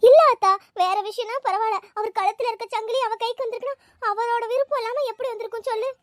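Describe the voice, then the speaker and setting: A woman's voice: very high voice, fairly even intonation, fast talker, no room sound, studio quality. A woman voicing an anxious, tearful young married woman in a cartoon, with a pleading manner. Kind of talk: cartoon voice acting.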